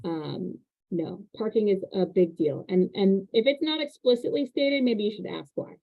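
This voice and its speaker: A woman's voice: medium pitch, moderate pace, gravelly. Chatty woman on a tinny line. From Indiana. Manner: chatty, animated storytelling with laughs. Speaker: real estate agent and host. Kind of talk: casual panel chat.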